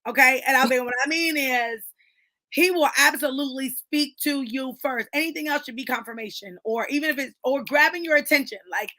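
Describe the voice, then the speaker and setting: A woman's voice: high-pitched, brisk, bright, forceful tone, no room sound. A woman in casual, emphatic conversation about faith at a book club, talking with lots of fillers.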